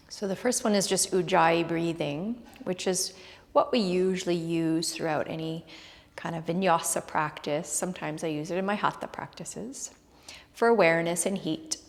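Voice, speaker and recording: A woman yoga instructor giving guided relaxation in a soft, hushed, gentle and soothing voice, with pauses. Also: lowish voice. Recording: reverberant hall-like room echo.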